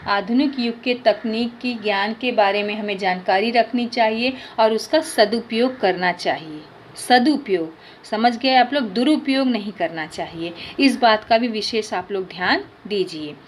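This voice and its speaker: A woman's voice: on the high side, unhurried, few pauses. Woman teacher, classroom lesson, explains words, faint background hum. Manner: explains words, addresses pupils directly. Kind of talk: classroom lesson reading aloud.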